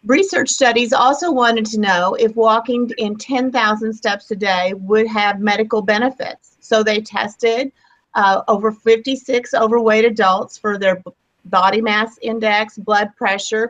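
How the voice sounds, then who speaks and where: A woman in her fifties presenting a literature review for a class project, a little halting, with some restarts. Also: mid-range voice, a bit bright, lo-fi sound. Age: 50s. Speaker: student presenter.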